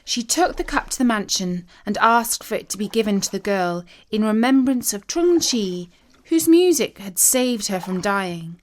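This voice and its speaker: Speaking at a medium pitch, a female storyteller narrates a scripted tale with solemn, deliberate drama and plenty of expression. There is music behind her.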